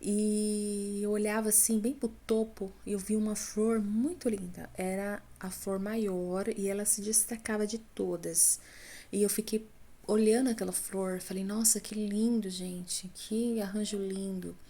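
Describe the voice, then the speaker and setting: Mellow-voiced Brazilian woman telling a dream. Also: medium pitch, flat delivery, a little slow. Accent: Brazilian Portuguese. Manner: conversational, addresses listeners as brothers and folks, frequent tag questions. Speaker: church member giving a testimony. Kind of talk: recounting a dream testimony.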